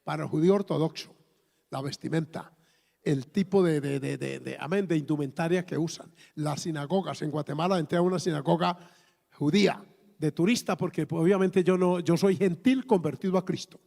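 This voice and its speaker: A man's voice: on the high side, a little fast, gravelly, darkish tone. A man in his fifties with a Colombian accent, preaching a sermon emphatically, with exclamations and repeated words. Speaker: pastor. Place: church hall. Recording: long reverb of a church hall.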